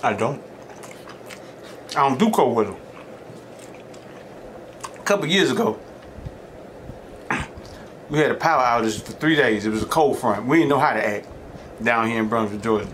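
Middle-aged man, Southern US accent, folksy casual chat, eating while talking, medium pitch, audible background noise. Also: moderate pace, long pauses, a bit bright. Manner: folksy, rambling storytelling with repeated catchphrases; talks between mouthfuls of food. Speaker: mukbang host.

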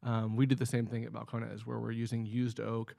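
Gravelly-voiced man explaining whiskey. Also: medium pitch, completely flat delivery, dark tone. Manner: explanatory, measured, frequent um fillers. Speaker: distillery production manager. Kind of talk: casual podcast chat. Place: indoor studio at a table.

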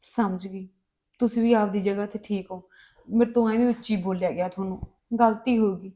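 A woman's voice: medium pitch, steady tone, brisk, dark tone, natural voice. A woman playing a wronged, resolute young daughter. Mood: calmer. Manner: pleading and indignant, insistent. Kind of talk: Punjabi family drama dialogue.

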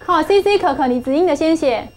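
A woman's voice: high-pitched, expressive, fast talker, a little mellow. A middle-aged woman teaching English phonics to a class, patient and coaxing, repeating points and asking for answers. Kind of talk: classroom lesson.

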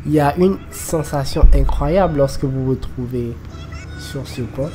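Guy slowly talking thru a walking tour by a busy road, lots of ums, music and traffic behind. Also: mid-range voice. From Côte d'Ivoire. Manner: slow, hesitant, many fillers. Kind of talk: casual walking-tour narration. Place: outdoors beside a busy city road. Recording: background music and traffic noise.

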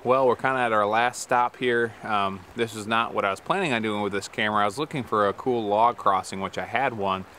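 A young man in snowy woods giving a relaxed, practical explanation on camera, with frequent fillers. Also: on the low side, a little fast, few pauses, a little hiss or hum. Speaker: outdoor show presenter.

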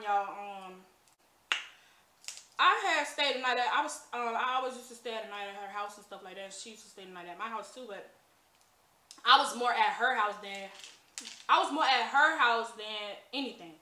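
An echoey room carries the high, bright voice of a young American woman. She tells a casual, rambling story as she eats, often speaking through a mouthful of food. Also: moderate pace. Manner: talking while eating, mouth often full. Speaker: mukbang vlogger. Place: indoors, small bare-walled room at a table.

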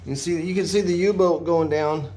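Fairly quick and a little mellow, a higher-pitched middle-aged man gives a folksy how-to, muttering to himself as he works in his home garage. His action camera, on a tripod or in hand, picks him up from varying distances, with roomy echo, clear noise and handling clicks.

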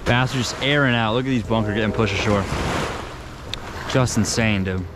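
A man filming himself surf fishing on an ocean beach at dusk, talking casually and excitedly into a camera mic. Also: fairly low pitch, normal speed. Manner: excited, casual, says "dude" often. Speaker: fishing vlogger. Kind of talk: casual on-the-spot commentary. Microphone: GoPro camera mic. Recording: loud surf noise outdoors. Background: crashing surf and waves.

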